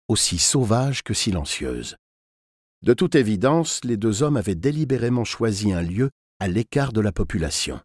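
A man narrating a dark story with expressive, tense delivery. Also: on the low side, slightly rough, no room sound, studio quality. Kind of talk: dramatic audiobook narration.

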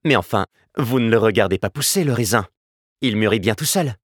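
A man's voice: lowish voice, expressive, a little fast, dry recording, clean studio sound. A man reading a novel aloud and voicing a playful young woman with a slightly raised, teasing delivery. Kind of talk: audiobook character voice.

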